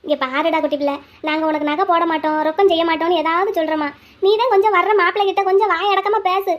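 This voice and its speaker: A woman voicing a stern, sharp-tongued old grandmother in a cartoon, lecturing her granddaughter. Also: extremely high pitch, fairly even intonation, fast, lo-fi sound. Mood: scolding. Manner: lecturing, scolding. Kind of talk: Tamil cartoon voice acting.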